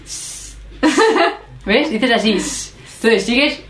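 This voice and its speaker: Woman vlogging, laughs a lot while telling stories, middle pitch, echoey room. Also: normal speed, a bit bright. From Spain. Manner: chatty, laughing storyteller. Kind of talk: casual chat. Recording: roomy echo.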